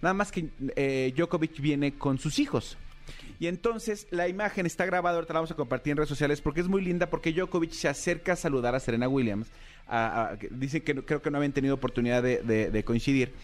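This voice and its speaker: A Mexican man co-hosting a radio talk show, his voice sitting a little high as he tells stories with lively energy. He acts out the quotes in his anecdotes and keeps the chat casual. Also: quick pace. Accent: Mexican Spanish. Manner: animated storyteller, acts out quotes.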